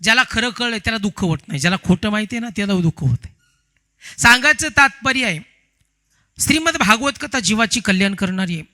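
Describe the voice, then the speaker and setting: Guy preaching a devotional sermon, super high sharp voice, lively storyteller. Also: brisk. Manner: animated storytelling, rhetorical questions to audience. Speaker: kathakar preacher.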